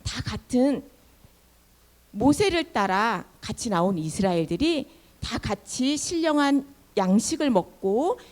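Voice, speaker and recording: A young woman leading a children's sermon, telling a Bible story in animated fashion. Her voice is high and swoops up and down constantly. She keeps turning to the kids with questions. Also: a little slow. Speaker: children's ministry teacher.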